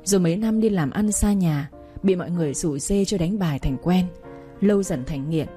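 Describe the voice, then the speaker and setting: A woman's voice: lowish voice, warm tone, faint music behind, natural voice. A woman reading a dying, remorseful father. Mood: confessing. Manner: slow, weary, apologetic. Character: dying middle-aged father, weak, remorseful.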